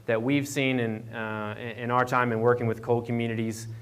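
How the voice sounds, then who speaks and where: His voice is mid-range, clear and resonant, fairly bright, with little pitch movement and a moderate pace. The Appalachian Virginia economic development program manager gives an informal guest talk at a live event away from the podium, double mic'd, frequently repeating and restarting.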